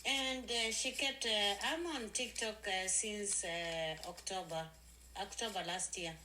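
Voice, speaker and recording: A woman's voice: mid-range voice, a little slow, pushed and bright, a little hiss or hum, low-quality recording. A woman in her forties chatting casually on a live stream, effusive and repeating herself, talking into her phone. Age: 40s.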